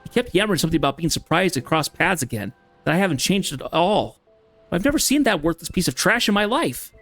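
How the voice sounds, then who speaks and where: A man's voice: sing-song, fast, fairly bright tone, faint music behind, exaggerated voice. A man voicing a brash, boastful male fighter eager for a brawl, in a rowdy, raised voice. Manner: rowdy, boastful, higher than his own voice.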